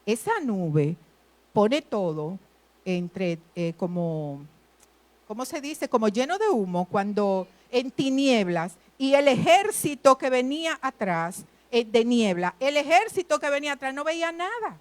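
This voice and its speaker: A woman preaching a sermon in a lively way, acting out the voices she quotes. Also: on the high side, measured pace. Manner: animated, acts out quoted voices.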